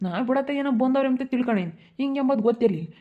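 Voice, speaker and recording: A man playing a village elder brother with a rural Chitradurga Kannada accent, talking quickly to calm things down. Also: very high-pitched. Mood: pleading. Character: older village brother-figure, calm mediator. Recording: tinny phone-like recording.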